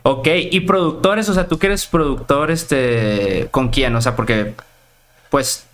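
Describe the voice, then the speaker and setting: A man's voice: mid-range voice, slow pace, fairly bright tone. A man with a Mexican accent interviewing someone in a loose, informal, slangy way. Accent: Mexican Spanish. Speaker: interviewer, music producer. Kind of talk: casual conversational interview.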